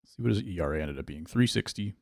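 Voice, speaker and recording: A man with a low-set, gravelly voice chats his way through a gameplay livestream. He muses out loud and answers viewers in a relaxed, easygoing way. The sound is close and dry, with no room around it. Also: fast talker, no room sound. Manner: thinks aloud, reads and answers chat, relaxed. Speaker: streamer. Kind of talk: casual gameplay livestream chat.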